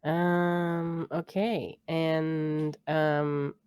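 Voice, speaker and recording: A woman with a notably deep voice chats casually during a board game night, asking rule questions and laughing easily. The sound is dry and close. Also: little pitch movement, very slow, darkish tone, clear, resonant tone, no room sound. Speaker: co-host player.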